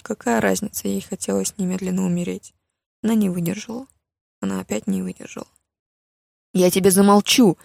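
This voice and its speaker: Woman narrating an audiobook, steady and even, bit of vocal fry, dry close mic. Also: medium pitch, no room sound. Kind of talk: scripted narration.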